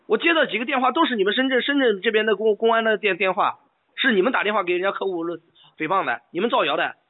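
A man's voice: high voice, fast talker. A man on a phone call, arguing angrily and stammering as he repeats his points over and over. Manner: angry, stammering, repeats himself insistently. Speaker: caller complaining by phone. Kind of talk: heated phone argument. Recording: tinny phone line.

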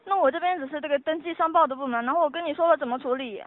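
A woman working as a hotline operator, answering in a flat, procedural way and telling the caller to calm down. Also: high-pitched, very fast, dry recording. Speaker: anti-fraud hotline operator. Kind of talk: phone call with a complainant. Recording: tinny phone line.

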